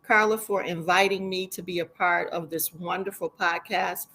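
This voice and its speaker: A woman's voice: fairly low pitch, fairly even intonation, normal speed, bright, forceful tone, rough recording. A middle-aged woman educator speaking as a panelist, talking in a conversational way with frequent ums. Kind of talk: online panel talk.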